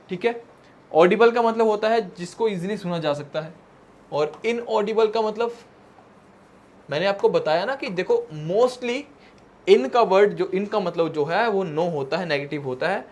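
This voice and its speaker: A male exam coach with a high-pitched voice gives a mixed Hindi and English vocabulary lecture. He reads each English definition out slowly and often checks that the students are following. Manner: explains patiently, reading English definitions slowly; tag questions to students. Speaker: exam prep teacher.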